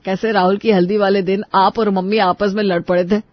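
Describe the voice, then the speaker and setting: Voicing an impatient young cartoon son, hurried, pleading, dry close sound. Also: mid-range voice, little pitch movement, dry recording, lo-fi sound, natural voice.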